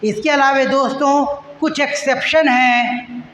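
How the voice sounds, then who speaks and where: A male English teacher giving a grammar lesson, who spells and repeats words slowly syllable by syllable and addresses listeners as friends. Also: extremely high pitch, steady tone, fairly bright tone. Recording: echoey room with long reverb, faint noise.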